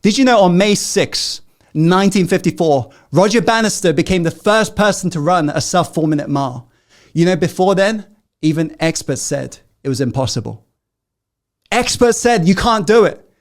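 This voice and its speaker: A man leading a motivational masterclass, with a voice pitched a little high for a man. He drives the talk with rhetorical questions and audience prompts, then drops into hushed, intimate asides. The delivery is theatrical and persuasive throughout. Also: expressive, normal speed. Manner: dramatic, swings between loud emphatic and hushed intimate delivery. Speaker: motivational speaker hosting a masterclass.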